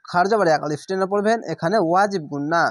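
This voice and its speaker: High-voiced man teaching Quran recitation. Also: no room sound, clean studio sound. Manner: slow drawn-out chanted recitation between plain explanations. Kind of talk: spelling out and reciting Arabic verses letter by letter.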